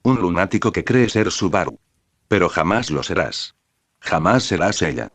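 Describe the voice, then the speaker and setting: A man voicing a desperate, grieving young woman who shouts her accusations in anguish. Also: low voice, big pitch swings, moderate pace, husky, no echo, exaggerated voice.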